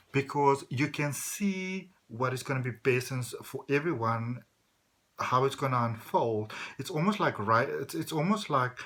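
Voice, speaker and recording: A man with a mid-pitched voice gives a spiritual tarot reading as a fortune teller. He addresses the listener directly and conversationally. His phrasing is halting and thought out as he goes, with frequent little check-ins. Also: a bit bright. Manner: conversational, halting, often checking in with okay and you know. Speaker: tarot card reader.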